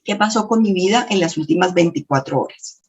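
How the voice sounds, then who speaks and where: A woman lecturer and coach with a slightly shrill voice, telling stories expressively in a motivational lesson to camera. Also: brisk, breathy edge, muffled recording. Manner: expressive, storytelling with lots of self-talk.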